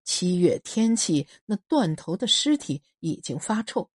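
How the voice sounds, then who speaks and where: Breathy woman telling a story. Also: fairly low pitch, big pitch swings, unhurried, a little mellow, no echo, clean studio sound. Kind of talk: storytelling narration.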